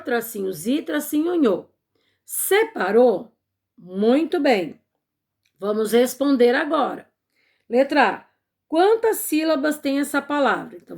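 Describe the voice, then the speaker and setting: A woman's voice: fairly high pitch, vocal fry, a little mellow. A woman teacher with a Brazilian accent, patiently explaining a grammar lesson to children step by step. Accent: Brazilian Portuguese. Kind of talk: remote Portuguese lesson for children.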